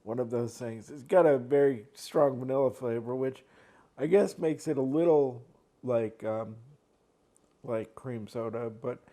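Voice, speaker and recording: Warm in tone and medium in pitch, this mukbang vlogger talks at a measured pace. He eats and chats at his home desk by a laptop, rambling casually and often restarting or using fillers.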